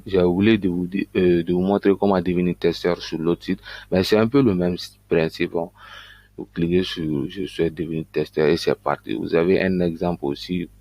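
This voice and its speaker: Low-voiced man walking through a tutorial. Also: gravelly, a little mellow. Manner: loose and halting, with frequent verbal fillers. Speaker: online business YouTuber. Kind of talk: casual screen-recording tutorial.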